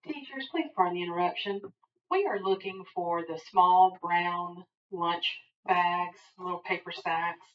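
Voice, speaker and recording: A woman's voice: lowish voice, unhurried. A woman from the school office making a polite, hesitant announcement over the school intercom. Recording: echoey, distant, muffled loudspeaker.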